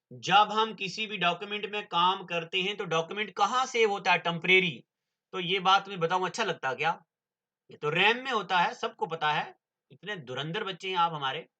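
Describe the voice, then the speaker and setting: A man runs an exam-prep class, his voice high-pitched and bright. He drills every answer by repeating it, then drifts into chatty advice for his students. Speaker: exam coaching teacher. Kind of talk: online exam-prep lesson.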